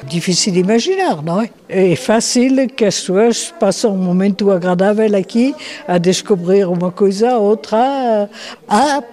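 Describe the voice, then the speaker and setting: Very old woman, slow and reflective. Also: mid-range voice, lively intonation, dark tone. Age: 90s. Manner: slow, thoughtful, with hesitations and restarts. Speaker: interviewee. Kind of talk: reflective interview answers.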